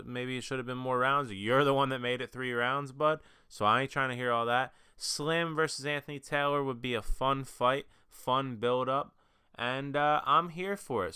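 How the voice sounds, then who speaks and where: Bright, clear-voiced young man talking boxing. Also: mid-range voice. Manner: hype-building, then conversational with fillers. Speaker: influencer boxing commentator. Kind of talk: casual opinion vlog.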